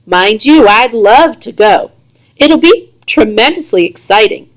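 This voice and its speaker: A woman reading aloud voices a gentle father who weighs his words carefully. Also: fairly high pitch, animated, low-quality recording. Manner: gentle, measured.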